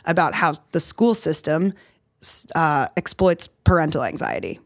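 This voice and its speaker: A woman's voice: deep voice, very animated, normal speed, vocal fry, no echo, studio quality. A woman co-hosting a podcast, talking bluntly and casually and swearing freely. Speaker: podcast co-host. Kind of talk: casual chat.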